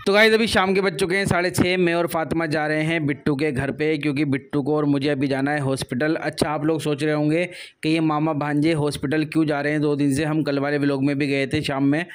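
A man's voice: fairly high pitch, little pitch movement, fairly quick. A man, chatting and joking to camera in a casual family vlog at home. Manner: chatty, joking, addresses viewers as "guys". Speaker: family vlogger. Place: home and rooftop.

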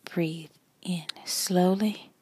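Slow whispering meditation guide, a woman. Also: lowish voice, fairly even intonation, slightly rough, dry recording, rough recording. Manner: slow soft whispering, long pauses.

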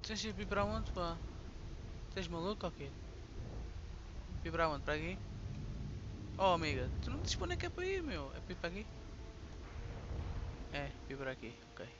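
A man's voice: high-pitched, brisk, pauses often, muffled recording, noisy background. A man with a European Portuguese accent giving frantic, swearing commentary over his own gameplay. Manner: excitable, swearing, frantic exclamations. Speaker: gaming channel host.

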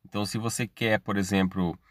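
A Brazilian man with a lowish voice hosts a screen-recorded tech tutorial, speaking fairly quickly with fairly even intonation and a Brazilian Portuguese accent. He walks through the steps casually, often checking in with tag questions. The recording is clean studio sound with no room echo.

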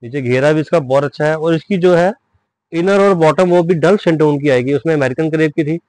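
Male seller, slightly high voice, dry close sound. Pushy, repetitive teleshopping delivery. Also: a little fast, darkish tone, dry recording. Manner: insistent selling, repeating prices and urging orders. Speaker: wholesale ladies' suit seller presenting stock. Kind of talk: teleshopping-style product sales pitch.

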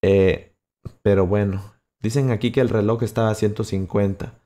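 Low-pitched and dark, his voice stays fairly even at a normal speed. He's a young man from Acapulco with a coastal Guerrero Mexican accent, casually answering livestream chat near the mic and frequently restarting or using fillers.

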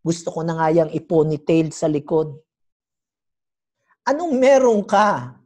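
A woman delivers a sermon in a lively way. She teases people in the pews and keeps throwing questions back at them. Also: low-pitched, a little slow. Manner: animated, teasing, keeps quizzing the congregation. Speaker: preacher. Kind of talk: sermon teaching.

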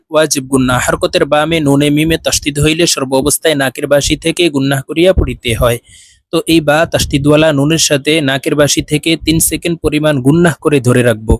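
Bangladeshi guy teaching quran reading, spells out syllables slow and stretched, bit high voice, dry close sound. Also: dry recording. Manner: spells syllables slowly, drawn out. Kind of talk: slow spelled-out recitation lesson.

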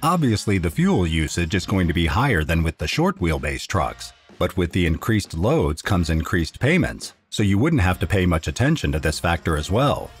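A man reading a scripted voice-over narration in a steady, informative explainer manner. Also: low-pitched, moderate pace, hardly any pauses, breathy edge, soft background music.

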